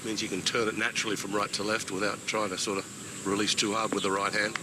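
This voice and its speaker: Male golf commentator, fairly low pitch, understated and clipped live calls, heavy outdoor noise. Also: little pitch movement, quick pace. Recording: very noisy outdoor sound.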